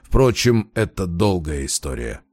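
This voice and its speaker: A man voicing a weary, gruff old male wolf shapeshifter in an audiobook, speaking low and grumbling. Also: sing-song, measured pace, a little mellow, no room sound, full character voice. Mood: grim. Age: older. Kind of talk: audiobook character voice.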